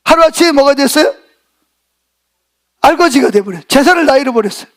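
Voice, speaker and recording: A man's voice: extremely high pitch, animated, fast. A male pastor preaching a sermon, retelling a scripture story and quizzing the congregation with rhetorical questions.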